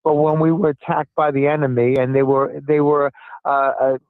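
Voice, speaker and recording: A man's voice: on the high side, level tone, moderate pace, no echo. An older man, a city commissioner, calling in by cell phone and answering interview questions in an earnest, emphatic way that repeats his points. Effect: heard over a cell phone line. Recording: tinny dry phone line.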